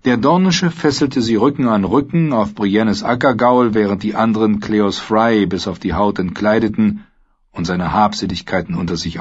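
A man narrates an audiobook, telling a dark story in a measured way. His voice is low and husky, and the recording is dull and lo-fi. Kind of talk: scripted fantasy narration.

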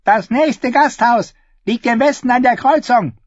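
Man playing a hostile peasant woman, high and shrill, curt, calling from a distance, audiobook. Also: unhurried, no room sound, dull audio. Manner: curt, shouting from above. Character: hostile peasant woman turning strangers away.

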